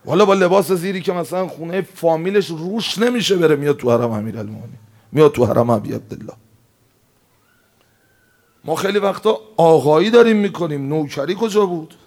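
A man preaching a religious sermon in an impassioned way, rising to emphatic outbursts and dropping low again. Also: a little mellow.

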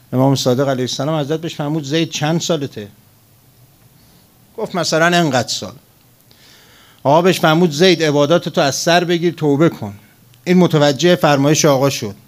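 A man preaching a sermon, telling a story and building to emphatic passages. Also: fairly high pitch.

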